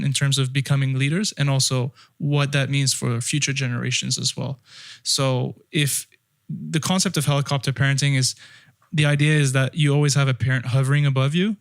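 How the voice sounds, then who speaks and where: A young French-raised man co-hosting a podcast chats casually, pausing to restart phrases as he explains his thinking. His medium-pitched voice is clear and resonant, captured dry in studio quality.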